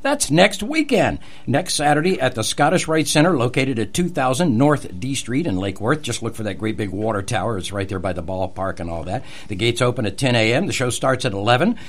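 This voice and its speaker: A man hosting a radio talk show, folksy and quick to laugh. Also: medium pitch, big pitch swings.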